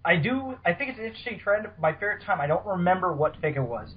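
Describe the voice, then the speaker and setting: A man hosting a casual fan discussion podcast talks in an informal, rambling way. His voice is high-pitched with big pitch swings and a quick pace. The audio is dull and lo-fi, like a voice call.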